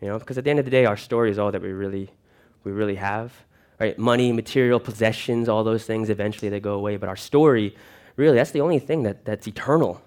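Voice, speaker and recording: A man speaking to a church congregation, giving an earnest personal testimony and telling animated stories. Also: fairly low pitch, fast.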